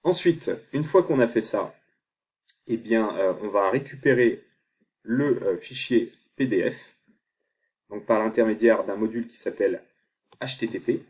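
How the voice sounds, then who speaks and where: A man explaining a software tutorial step by step, thinking aloud as he clicks through screens. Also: fairly low pitch, measured pace, pauses often. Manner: thinks aloud while clicking, many fillers. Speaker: online tutor.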